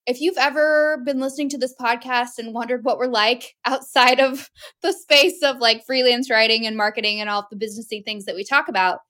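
A woman's voice: a little high, steady tone, fairly quick, sharp tone. A woman co-hosting a podcast, reading ads and chatting in an upbeat, smiling way. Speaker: podcast co-host. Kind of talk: casual podcast chat and ad reads.

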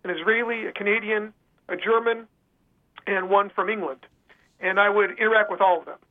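A man heard over a phone line, telling his own story as an interview guest in a halting, earnest way. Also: high-pitched, steady tone.

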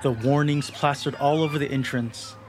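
Narrating a feature article, this young man reads a documentary script dramatically, like a storyteller. His medium-pitched voice keeps a fairly even intonation at a moderate pace. Background noise and music sit beneath him.

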